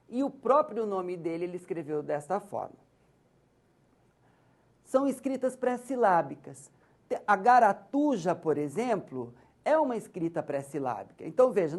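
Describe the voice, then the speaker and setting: A woman's voice: medium pitch, darkish tone. A woman with a Brazilian Portuguese accent giving a university lecture, patiently walking through examples and checking that listeners follow. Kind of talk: recorded lecture on literacy.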